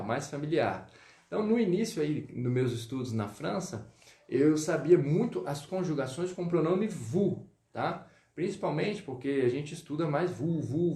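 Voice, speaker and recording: A man teaching French in a live online lesson, greeting viewers and drilling pronunciation slowly. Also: fairly high pitch, a little mellow, echoey room. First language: Portuguese.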